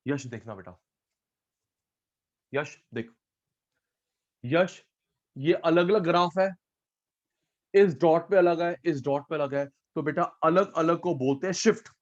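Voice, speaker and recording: A man's voice: on the high side, slow, pauses often, highs cut off. A man teaching an online economics class, repeating points and coaxing students by name.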